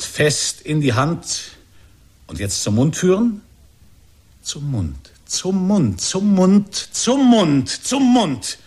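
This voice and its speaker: A man playing an ecstatic, preaching master of ceremonies in a radio play, his delivery incantatory and rising from hushed to exultant. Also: medium pitch, breathy edge, exaggerated voice. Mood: coaxing. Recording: loud music behind.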